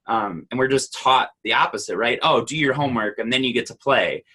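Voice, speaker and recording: A man's voice: mid-range voice, fairly quick, pushed and bright, slightly rough. A man co-hosting a podcast, explaining his views earnestly in casual, run-on sentences. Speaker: podcast co-host. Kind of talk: casual conversation.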